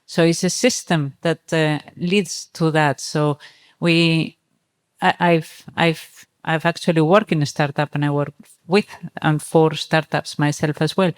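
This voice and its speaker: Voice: mid-range voice, steady tone, a little slow, clean tone. An earnest, discursive speaker on a discussion panel, talking at length. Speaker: panelist, startup and impact advocate.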